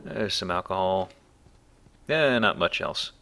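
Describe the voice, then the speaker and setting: Hosting a let's play, a man offers casual, folksy, rambling game commentary over faint game sounds. His voice is low and expressive, slow, with vocal fry and a sharp edge.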